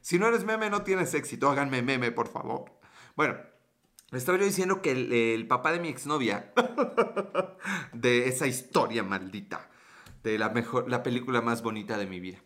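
Man, Mexican accent, livestream host, slangy and joking, bright tone. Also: medium pitch, expressive, moderate pace. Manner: joking, slangy, greets viewers by name. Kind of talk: casual livestream chat.

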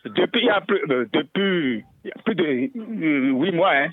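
A man calling in to a radio show, talking haltingly with many fillers and repeated words. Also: a little high, animated, breathy edge, dry recording. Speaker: caller. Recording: tinny phone line.

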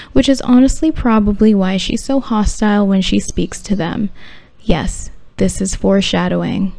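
A woman's voice: medium pitch, mellow, dry recording. A woman hosting a podcast, telling scripted personal stories in a sultry, wry, arch delivery with no discernible regional accent. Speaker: podcast host.

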